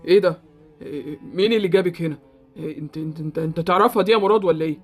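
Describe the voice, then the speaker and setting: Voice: mid-range voice, racing, soft background music, close to an everyday voice. A performer voicing a scheming, contemptuous rich uncle in an Egyptian Arabic Roblox drama, sneering and clipped. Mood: startled.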